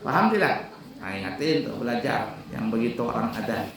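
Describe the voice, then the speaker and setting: A man's voice: medium pitch, animated, a little fast, gravelly, fairly bright tone, a little hiss or hum. A male religious teacher at a boarding school gives a lesson on the call to prayer, asks his students whether they understand and sings examples of the call. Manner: explains in plain talk and breaks into sung calls to prayer. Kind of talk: classroom lesson on calling to prayer, with sung demonstrations. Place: classroom hall at a boarding school. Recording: echoey room, recorded from a distance.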